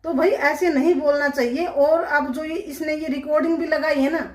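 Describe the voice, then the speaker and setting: Indignant high-voiced woman vlogger. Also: fairly even intonation, moderate pace, reverberant. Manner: indignant, rhetorical, addresses viewers directly. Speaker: vlogger commenting on a family dispute. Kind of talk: casual spoken commentary.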